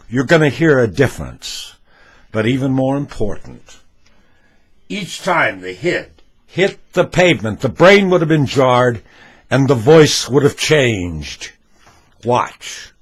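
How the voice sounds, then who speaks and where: A man's voice: medium pitch, big pitch swings, slow, breathy edge. A man making a homemade commentary video, talking emphatically and demonstrating with props as he goes. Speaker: amateur video maker.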